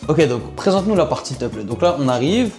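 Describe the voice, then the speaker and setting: A man's voice: on the high side, big pitch swings, fast. A young man chatting casually as a vlogger, teasing and repeating himself in street slang. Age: young adult. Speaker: vlogger, amateur athlete and coach. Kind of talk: casual vlog chat. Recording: music behind the voice. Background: music.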